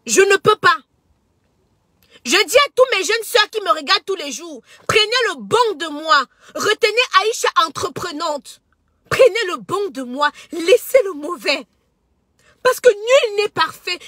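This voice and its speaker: Impassioned Cameroonian woman, high bright voice. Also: expressive, measured pace, no echo, studio quality. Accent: Cameroonian French. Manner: impassioned, preachy, stumbles and repeats words. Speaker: social media personality and entrepreneur. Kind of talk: emotional direct-to-camera social media monologue.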